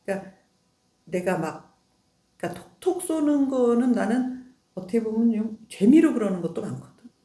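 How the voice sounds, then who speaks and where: A woman's voice: on the high side, animated, normal speed, long pauses, dark tone. Middle-aged woman, casual chat, teasing and laughing, echoey room. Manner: teasing, laughs often, asks "응?" to check. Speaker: wife in a couple's talk. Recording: roomy echo.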